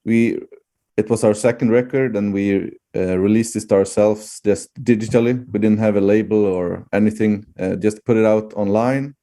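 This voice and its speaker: A man's voice: lowish voice, steady tone, moderate pace, warm tone. A man with a Swedish accent chatting casually as an interview guest, hesitant and often searching for words. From Sweden.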